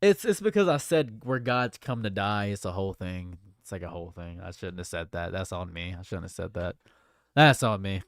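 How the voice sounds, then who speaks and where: A man's voice: low-pitched, expressive, moderate pace, no room sound, clean studio sound. A man in his late twenties chatting casually on a livestream, rambling and repeating his phrases. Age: late 20s. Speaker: streamer.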